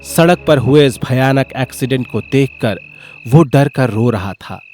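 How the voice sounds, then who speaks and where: A man narrating a scripted comic horror story in a wry, lively manner. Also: mid-range voice, unhurried, faint music behind.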